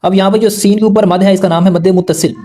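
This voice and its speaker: A man teaching Quran recitation rules in a patient lesson, explaining each rule slowly and simply and repeating it so beginners can follow. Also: sits high, steady tone, warm tone.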